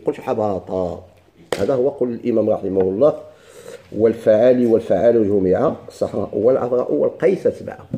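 A man with a Moroccan Arabic accent teaching a grammar lesson, repeating each word slowly for his students. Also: medium pitch, dark tone. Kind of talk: classroom lesson.

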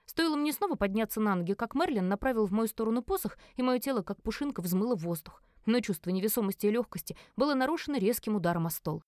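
A woman narrating a first-person fantasy audiobook with an expressive, dramatic reading. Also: on the high side, fast talker, few pauses, no echo, clean studio sound.

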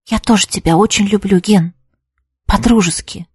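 A woman voicing a blunt, sharp-tongued teenage girl in a storybook reading, curt and mocking. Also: medium pitch, moderate pace, breathy edge, dry recording, clean studio sound. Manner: curt, mocking, then flustered and soft.

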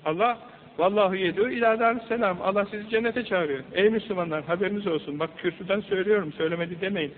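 A man's voice: sits high, fast talker, in a large hall. A man preaching a sermon from a pulpit, asking rhetorical questions and reciting Arabic verses in an emphatic way. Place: mosque pulpit. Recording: old lo-fi tape, phone-like band, faint hum.

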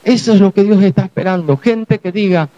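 Pastor preaching, mellow voice, kinda muffled lo-fi recording. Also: male voice, high-pitched. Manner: storytelling, dramatizing with quick acted asides. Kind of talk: sermon.

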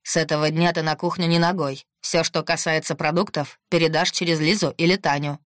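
Stern man of the house in a storybook, read by a woman, low clipped commands, dry sound. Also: fairly even intonation, brisk, fairly bright tone, no room sound. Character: stern grown-up male boss, the son.

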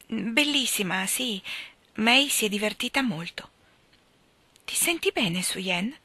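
A woman's voice: slow pace, no echo. A woman reading a novel aloud, lifting her voice for the characters' lines. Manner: expressive, lifts her pitch for characters' lines. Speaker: reader of a novel.

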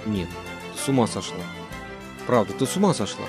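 A woman reading an audiobook who voices an affectionate, teasing husband in a soft, bemused, lowered voice. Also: very animated, brisk, over music, exaggerated voice. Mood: laughing. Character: affectionate grown man, teasing, gentle husband. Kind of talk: audiobook character voice.

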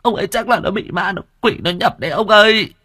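Man doing a village mother, very high shrill voice, stammering, pleading, wailing. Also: a little fast, pushed and bright, no echo, clean studio sound. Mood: tearful pleading. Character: frantic middle-aged village mother, wailing.

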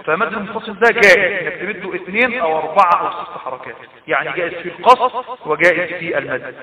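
Bright-voiced Egyptian man teaching tajweed. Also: high voice, rapid-fire. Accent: Egyptian Arabic. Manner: explains patiently, repeats terms, chants Quran examples. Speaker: Quran recitation teacher. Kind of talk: tajweed lesson. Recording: echoey, distant, dull lo-fi.

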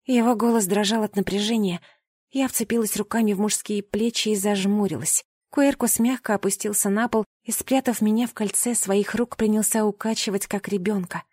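A woman reading a first-person fantasy audiobook with expressive, dramatic storytelling. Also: medium pitch, moderate pace, slightly rough, no echo, studio quality. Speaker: audiobook reader.

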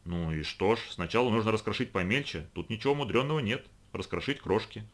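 A man's voice: lowish voice, very animated, normal speed, fairly bright tone. A man voicing a boastful, easily flustered middle-aged director in a read-aloud story. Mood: flustered mumbling. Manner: bragging, then mumbling.

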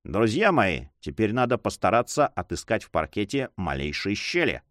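A man's voice: fairly low pitch, big pitch swings, moderate pace, a bit bright, no room sound, clean studio sound. A man voicing a commanding, troubled young nobleman who speaks in an earnest way.

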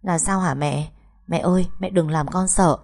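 A woman's voice: fairly low pitch, normal speed, creaky, darkish tone. A woman reading the part of an anxious teenage daughter facing university exams, speaking politely and pleadingly. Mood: worried, pleading.

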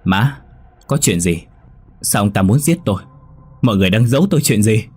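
A man's voice: on the low side, lively intonation, brisk, darkish tone, husky. A man voicing a young gambler who turns remorseful, pleading and crying out in anguish. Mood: confused. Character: desperate young man, wild gambler turned remorseful son.

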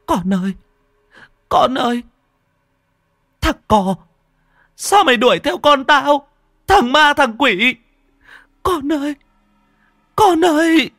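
A man's voice: very high-pitched, lively intonation, slow, long pauses, bright, forceful tone, no room sound, studio quality, voice pushed up, full character voice. A man voicing a frantic young village mother who wails and shrieks in grief in a spoken ghost story. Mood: anguished wailing. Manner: wailing, shrieking cries.

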